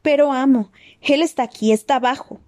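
A woman voicing a frantic, fanatical female dark witch who shrieks and pleads in a raised voice. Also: high voice, fairly quick, pitched above the performer's own voice, lightly acted. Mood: pleading.

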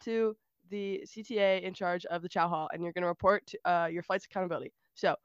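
A woman playing a bossy training assistant who gives brisk instructions to cadets. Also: on the low side, steady tone, smooth, no echo, muffled recording, natural voice. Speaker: training assistant in a comedy skit.

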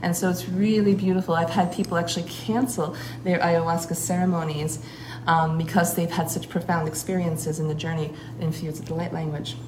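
In a casual spoken account, a woman with a deep voice talks earnestly and at length in the role of a shamanic priestess. Frequent filler pauses interrupt her otherwise flowing words, while constant noise carries clearly through the roomy recording.

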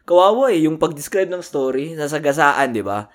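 A man's voice: fairly high pitch, animated, normal speed. Filipino guy on a chill podcast, taglish, cusses a lot, voice jumps all over. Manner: swears often, slangy Taglish, laughs a lot. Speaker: podcast co-host. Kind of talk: casual chat.

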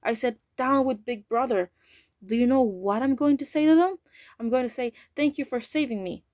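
A woman's voice: medium pitch, moderate pace, a little mellow, dry recording, close to an everyday voice. A woman voicing a frightened man prisoner who talks anxiously, close to tears.

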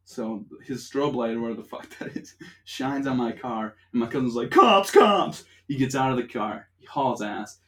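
A man's voice: medium pitch, fairly even intonation, normal speed, a little mellow. A young man telling a rambling, profane story in casual chat on a podcast, laughing often. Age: young adult. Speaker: podcast host.

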